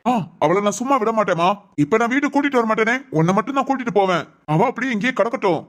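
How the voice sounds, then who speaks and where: A stubborn, hot-headed grown son in a cartoon, voiced by a woman, fiercely protective of his mother. He talks very fast, ranting and insisting on getting his way. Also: on the high side, animated, natural voice. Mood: indignant. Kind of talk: Tamil family cartoon voice acting.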